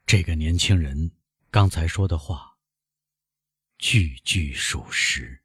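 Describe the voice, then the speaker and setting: A broken prosecutor confessing in court, as a male narrator puts him on, his low voice choked and halting. The tone is husky and deep. It sounds dry and close, as in an audiobook. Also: a bit bright, no room sound, exaggerated voice. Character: broken, trembling middle-aged male prosecutor.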